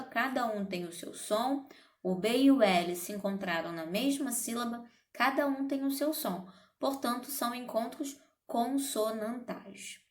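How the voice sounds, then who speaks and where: A woman teaching a grammar lesson, speaking deliberately and checking in with her students as she explains. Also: on the high side, reverberant. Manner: slow, deliberate, checks in with "certo?" and "ok?". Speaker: Portuguese teacher.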